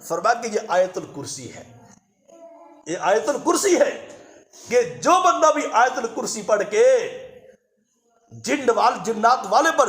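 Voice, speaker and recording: A man's voice: high voice, a bit bright. A man preaching a sermon, retelling a story with emphatic repetitions. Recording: echoey room.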